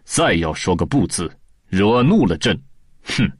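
Stern, commanding king, read by a man; low husky voice, lively delivery. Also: a little slow, no echo, studio quality, heavily acted. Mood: angry. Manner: commanding, threatening. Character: stern imperious old king, male. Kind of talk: storybook audiobook voice acting.

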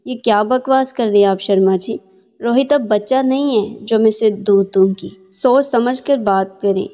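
A woman's voice: a little high, dark tone, natural voice. A woman voicing a nervous, defensive middle-aged mother in a storybook reading. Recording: dull lo-fi with long reverb.

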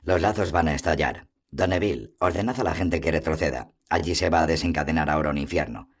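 A man's voice: extremely low pitch, fast. A man reading a fantasy audiobook, voicing a gloomy male chaplain who speaks in somber, ominous warnings.

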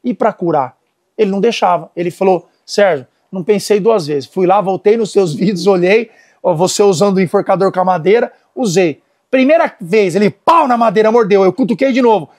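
A middle-aged Brazilian dog trainer with a Brazilian Portuguese accent speaks briskly in a high voice during a casual lesson. He tells animated stories and gives commands to both dogs and helpers.

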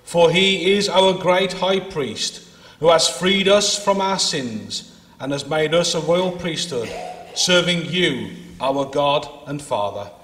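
A man leading Mass, intoning the prayers in a measured, solemn way, with a cathedral echo around him. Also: on the high side, a bit bright. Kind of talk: liturgical prayer, partly sung. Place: large church. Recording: long echo of a large church.

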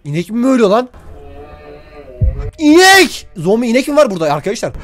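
A young streamer talks his viewers through a horror game at a rapid clip. His voice sits high and leaps all over the place, breaking into startled shouts and curses. Faint music plays behind him. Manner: excitable, yelps and shouts in fright, swears a lot. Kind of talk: horror game let's play commentary.

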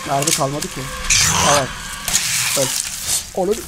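A man's voice: fairly high pitch, unhurried. A man with a Turkish accent commenting casually on a horror game, jumpy and cursing under his breath at it. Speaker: gamer playing a horror game. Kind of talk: casual let's-play commentary. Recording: loud sizzling noise behind the voice.

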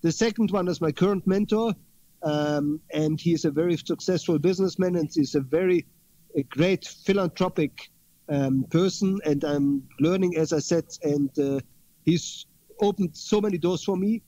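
A man's voice: fairly high pitch, moderate pace, dark tone, dull audio. A man speaking as a guest in an interview conversation, earnest and repeating words for emphasis.

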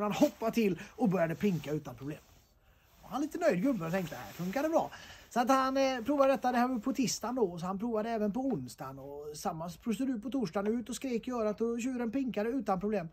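A man's voice: high voice, animated, slightly rough. A man telling jokes in a loose, half-improvised way, with lots of "eh" fillers, recorded outdoors. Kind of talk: casual joke-telling chat.

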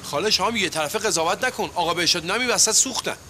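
A man's voice: high voice, lively intonation, pushed and bright, a little hiss or hum, exaggerated voice. An actor playing an easygoing young male tenant and nephew who dodges and soothes with evasive talk. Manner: evasive, soothing, talks his way out. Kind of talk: Persian TV comedy series acting.

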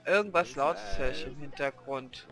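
A woman with a low, creaky voice hosts a let's play over music, speaking at a moderate pace through a headset. She comments on her game and chats to the characters, urging them on and grumbling at them. She is an adult, with a child present.

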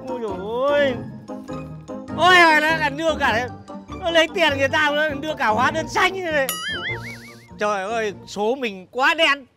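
A man's voice: extremely high pitch, moderate pace, hardly any pauses, music in the background. A man playing a grumbling middle-aged motorbike-taxi driver who wails complaints and curses.

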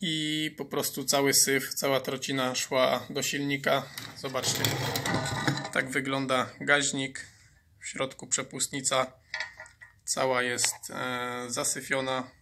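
A man's voice: medium pitch, level tone, slow pace, noisy background. A man restoring an old chainsaw on his workshop bench, explaining each fault as he goes, with many fillers and repeated words. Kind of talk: workshop repair commentary.

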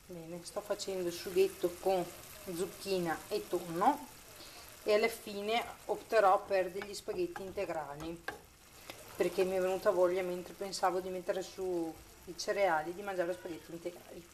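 A woman's voice: on the low side, fairly even intonation, normal speed, darkish tone, a little hiss or hum. A young woman with an Italian accent, a mother talking casually to her viewers at home and cooing to her baby in a singsong voice. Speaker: vlogger mother. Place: home kitchen.

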